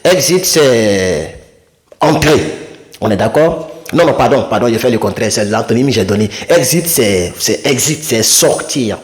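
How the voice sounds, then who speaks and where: A man's voice: mid-range voice, lively intonation, a little slow. A man teaching vocabulary in a casual, chatty way, repeating words and correcting himself as he goes. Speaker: English teacher.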